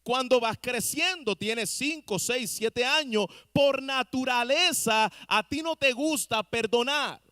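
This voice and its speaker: A man's voice: very high voice, slow pace, hardly any pauses, pushed and bright, no echo, studio quality. A man preaching a sermon as pastor, speaking straight to his listeners and asking the congregation questions. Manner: asks the congregation rhetorical questions; addresses listeners directly and earnestly. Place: church.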